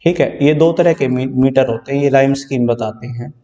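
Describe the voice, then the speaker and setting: A man's voice: mid-range voice, moderate pace, warm tone, lo-fi sound. A male English teacher giving an exam-prep lecture, explaining step by step and repeating key words as he checks that students follow. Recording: distant mic in a reverberant room.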